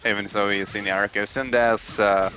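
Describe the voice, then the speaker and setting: A man's voice: lowish voice, fairly even intonation, normal speed, pushed and bright, rough recording. A man from Ukraine commentating a fighting-game tournament with teasing, joking banter. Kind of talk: casual esports commentary.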